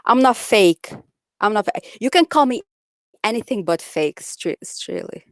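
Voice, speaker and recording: A young woman from the Netherlands speaks with a Dutch accent in an animated, mid-range voice at a measured pace, captured in studio quality with no echo. On her live stream she reads out viewer comments and chats bluntly, outspoken and saying it like it is.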